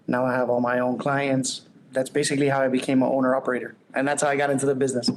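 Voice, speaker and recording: A man's voice: medium pitch, little pitch movement, racing, slight background noise, poor audio. A man who runs a septic service, talking informally in a podcast interview in a plain, rambling way. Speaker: septic service owner-operator.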